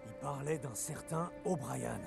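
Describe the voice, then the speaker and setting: An actor playing a gruff, restless biker survivor with a gravelly voice, urgent and stubborn, in video game radio dialogue. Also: male voice, mid-range voice, a little slow, music in the background. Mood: insistent, agitated.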